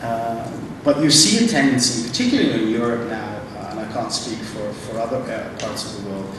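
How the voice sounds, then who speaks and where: A man speaking on a conference panel, halting and restarting often as he thinks aloud. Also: mid-range voice. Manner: halting, many restarts and fillers. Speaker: panel speaker from a refugee agency. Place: large conference hall. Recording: echoey hall, distant mic, noisy.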